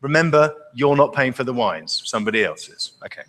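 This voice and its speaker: A man's voice: mid-range voice, sing-song, a bit bright. Enthusiastic man lecturing in an echoey hall. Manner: halting, with stammered restarts. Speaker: wine expert leading a tasting. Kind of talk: live talk to an audience.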